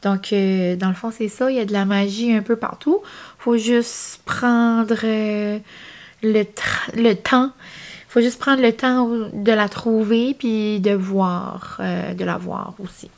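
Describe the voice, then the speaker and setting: A woman's voice: mid-range voice, fairly even intonation, takes it slowly. A young woman with an Acadian French accent, chatting casually in a vlog and rambling with lots of fillers. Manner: chatty, rambling, many fillers and "genre, comme". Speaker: vlogger.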